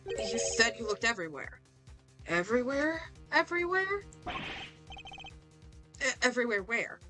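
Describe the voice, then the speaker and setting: A woman voicing a composed male prosecutor who speaks in a measured, dry way. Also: fairly high pitch, very animated, music in the background, voice pushed down. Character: cool, sharp male prosecutor.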